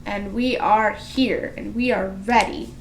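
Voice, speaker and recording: A woman's voice: mid-range voice, steady tone, unhurried, slight background noise, rough recording. A woman co-hosting a podcast in a casual, giggly and playful chat. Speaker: podcast co-host.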